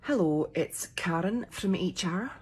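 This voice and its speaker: A woman's voice: fairly low pitch, animated, measured pace, a little mellow, slightly rough. A woman doing a comic sketch, repeating one greeting in a string of mimicked accents. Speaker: TikTok comedian.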